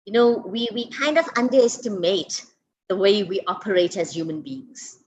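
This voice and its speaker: A South African woman delivers a webinar lecture over a video call. Her words come fast, with frequent restarts and repeated words, and she often checks in with "okay?". The pitch sits in a middle range for a woman. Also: low-quality recording. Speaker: webinar speaker.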